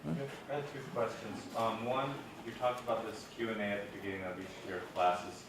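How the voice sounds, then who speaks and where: A man with a lowish voice asks orderly questions from the audience. He is far from the mic, and the sound is very echoey, with plain room noise. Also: little pitch movement, fairly quick. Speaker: audience member asking questions. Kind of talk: conference Q&A. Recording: distant, very echoey hall, clear room noise.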